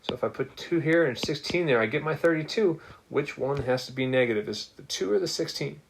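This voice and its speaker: A man's voice: on the high side, expressive, a little fast, gravelly. A man who is a math teacher, talking through examples while writing on screen, upbeat and joking at his own slips. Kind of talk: screen-capture math lesson. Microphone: desktop microphone. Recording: noisy desktop recording with ticking.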